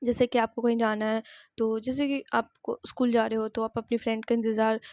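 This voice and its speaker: A young woman explains everyday English phrases in a friendly, chatty way. Her voice sits a little high and is recorded dry and close. She says each English line slowly and clearly so students can repeat it. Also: flat delivery, darkish tone, no echo, muffled recording. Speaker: spoken English teacher. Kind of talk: teaching spoken English phrases.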